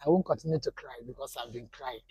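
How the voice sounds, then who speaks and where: A woman's voice: extremely low pitch, quick pace, mellow, husky, no room sound, poor audio. A Nigerian woman telling her own pregnancy story in earnest, casual chat. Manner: earnest, blessing-giving talker. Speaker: vlog guest.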